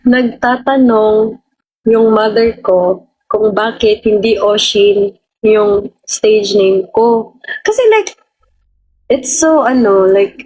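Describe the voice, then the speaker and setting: A woman's voice: a little high, a little mellow, slightly rough, rough recording. A young woman with a Filipino accent, chatting casually on a livestream and rambling as she answers viewers' comments. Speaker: livestream host.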